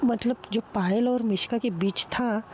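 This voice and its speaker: A woman's voice: fairly high pitch, measured pace, mellow, slight background noise. A woman narrating a love story in a chatty, conversational way, voicing each character's lines herself and turning aside to speak to her listeners. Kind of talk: storytelling narration with voiced dialogue.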